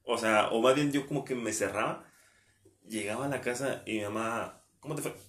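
A man's voice: medium pitch, moderate pace, fairly bright tone, echoey room. A young man with a Mexican accent, chatting casually as a podcast host, telling a personal story and acting out what people said. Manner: chatty storytelling, acts out quotes. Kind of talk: casual chat.

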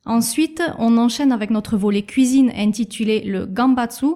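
A woman in her thirties chatting on a podcast she co-hosts. Her voice sits a touch high but sounds mellow and warm. She explains things in a measured way, pausing now and then with small hesitations. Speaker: podcast co-host. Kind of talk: casual podcast chat.

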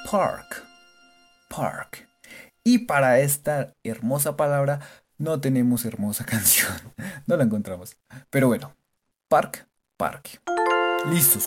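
A man hosts a playful language lesson, slowly and patiently spelling words out letter by letter. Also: mid-range voice. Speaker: English teacher and show host.

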